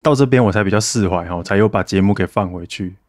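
A man's voice: low voice, fast, a little mellow, no room sound, studio quality. Chatty self-mocking male podcast host. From Taiwan. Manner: chatty and self-mocking, reads donor messages aloud. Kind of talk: casual solo podcast chat.

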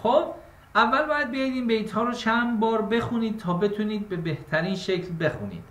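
A man teaching an exam-prep class on poetic meter. His voice sits a little high and rings in an echoey room. He talks to his students in a casual, step-by-step way and slows into a chant when he recites verses. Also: a bit bright. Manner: addresses students directly and casually.

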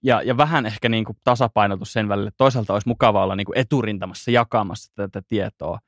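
A male podcast host from Finland telling an anecdote in casual chat, chatty and quick to laugh. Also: fairly low pitch, fairly even intonation, no echo, studio quality.

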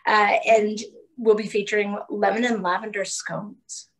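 A woman's voice: medium pitch, little pitch movement, unhurried. A woman hosting an online cooking event on a video call, upbeat and encouraging. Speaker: host. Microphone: laptop webcam, video call.

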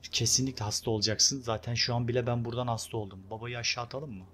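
A young man casually commenting on his own gameplay, chatty and excitable, talking to his viewers and urging on the game character. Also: mid-range voice, rapid-fire, a little hiss or hum. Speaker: gameplay video host. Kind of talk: casual let's-play commentary.

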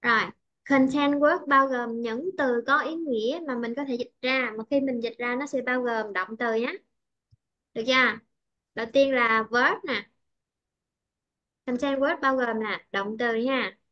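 A woman's voice: on the high side, measured pace, bright, forceful tone, muffled recording. A Vietnamese woman teaching English pronunciation in an online lesson, patient and checking often that the student follows.

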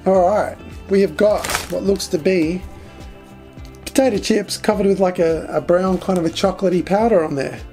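A man hosting a casual food review, with deliberate emphasis and rhetorical questions. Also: high-pitched, warm tone. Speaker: snack reviewer and host. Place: small foam-treated studio indoors. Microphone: close desk microphone. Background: background music.

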